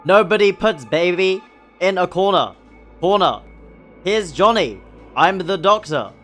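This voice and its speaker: A man's voice: high-pitched, soft background music, voice pushed up. A man putting on a robot voice while voicing a game robot's lines. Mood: robotic. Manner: slow, loud, flat movie-quote robot delivery. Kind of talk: gameplay commentary.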